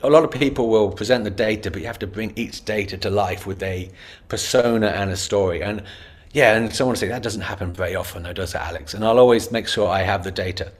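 Male interview guest, low-leaning voice, animated storyteller who acts out dialogue. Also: fairly quick. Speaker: interview guest, customer experience leader. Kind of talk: casual interview answer.

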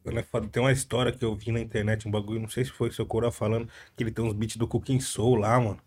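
Rapid-fire slangy male interviewer. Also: fairly low pitch, little pitch movement, darkish tone. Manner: informal, slangy questioning. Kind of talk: casual slangy chat.

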